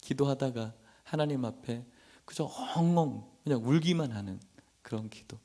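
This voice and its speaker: A man's voice: medium pitch, moderate pace, mellow. A male pastor preaching a sermon, at times voicing emotional, pleading prayers aloud.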